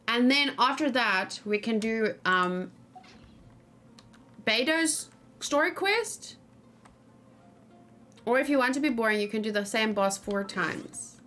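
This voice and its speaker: Speaking slowly and pausing often, a woman with a slightly high, somewhat bright voice comments on the game she's streaming. She's expressive as she thinks aloud in a relaxed way and chats with her viewers, a typical let's play host.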